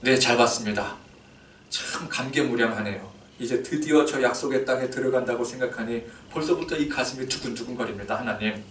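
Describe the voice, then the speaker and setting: A man's voice: mid-range voice, fairly quick, a bit bright, slight background noise, close to an everyday voice. A man voicing Moses as an aged, earnest male prophet pleading with God. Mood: moved. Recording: echoey church hall, distant mic.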